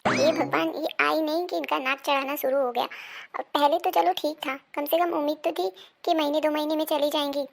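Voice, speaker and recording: A high, slightly gravelly woman's voice as a worn-out young daughter-in-law, played by a woman. She grumbles about her household chores and defends herself with stubborn complaints in a homemade family comedy. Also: fairly even intonation, a little fast, a little hiss or hum. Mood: grumbling. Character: overworked put-upon young daughter-in-law. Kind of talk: amateur family comedy drama.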